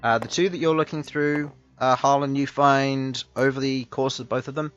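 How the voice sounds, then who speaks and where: A man running a tabletop game as game master, describing scenes slowly with many fillers and pauses. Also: medium pitch, fairly even intonation, fairly bright tone. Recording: dull lo-fi mic, faint music behind.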